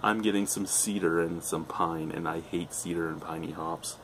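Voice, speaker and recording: A man's voice: deep voice, steady tone, moderate pace, a bit bright, a little hiss or hum. A middle-aged man reviewing a beer on camera at home, rambling and enthusiastic, swearing freely. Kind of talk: casual beer review vlog. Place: living room at home, indoors.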